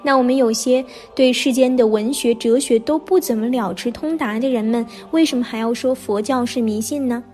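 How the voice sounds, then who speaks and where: Calm woman narrating parables, raised pitch. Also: soft background music. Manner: calm, measured reading of parables. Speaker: podcast narrator. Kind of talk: scripted storytelling narration.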